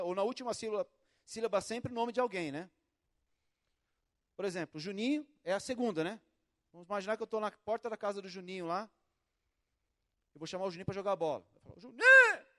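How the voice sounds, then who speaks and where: A Brazilian man preaches in a church, his voice set notably high for a man. He tells stories with animation, acting out little quotes and calls. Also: fast talker. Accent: Brazilian Portuguese. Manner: animated storytelling with acted quotes and shouts. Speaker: pastor. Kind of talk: sermon.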